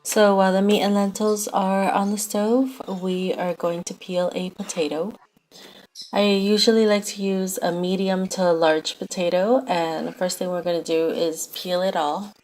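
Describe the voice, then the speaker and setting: A woman's voice: mid-range voice, little pitch movement, a little slow, a little mellow. A young woman giving an informal, conversational recipe voice-over as a home cook. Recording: faint background noise.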